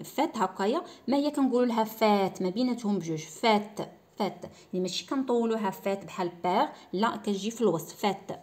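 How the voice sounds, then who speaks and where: A woman teacher speaks with a Moroccan Arabic accent in a patient, explanatory way. She slows down and says each word several times, as if modelling pronunciation for pupils. Her voice sits at an ordinary middle pitch. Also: darkish tone. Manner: slow, repeats words to model pronunciation. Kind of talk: school lesson explaining French accents.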